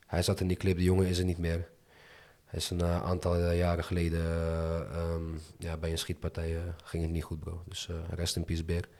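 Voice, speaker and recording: A man's voice: deep voice, completely flat delivery, brisk, a little mellow. A young man speaking in casual Dutch street slang, chatting candidly as an interview guest. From moved to the Netherlands from abroad as a child.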